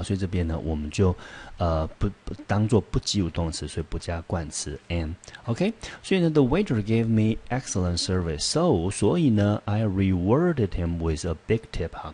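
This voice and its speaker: A man with a low, husky voice teaches an English vocabulary lesson. He patiently walks through English example sentences and keeps asking the class rhetorical questions to check they follow. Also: mellow. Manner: mixes English example sentences into Mandarin explanation.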